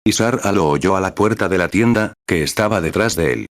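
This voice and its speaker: A man reading a translated sermon in a steady, solemn way. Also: deep voice, brisk, dry recording, studio quality. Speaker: sermon reader.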